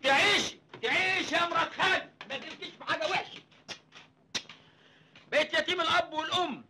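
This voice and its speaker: An actor playing a hapless young country lad in a film comedy, speaking with an Egyptian accent in a cheeky, whiny way. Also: male voice, very high voice, noisy background. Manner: cheeky, whiny, quick jokes. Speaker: film character. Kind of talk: 1980s film comedy acting.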